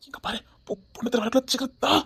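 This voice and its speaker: A woman with a Tirunelveli Tamil accent playing a hesitant, stammering character in a web drama, pleading gently. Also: on the high side, fairly even intonation, fast talker, vocal fry, breathy edge, exaggerated voice.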